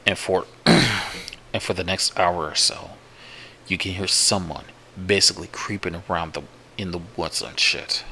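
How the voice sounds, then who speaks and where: Slow deep-voiced man telling a scary tale. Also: steady tone, bright, forceful tone, a little hiss or hum, low-quality recording. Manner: profane, slow, repetitive retelling. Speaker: horror story narrator. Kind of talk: first-person story narration.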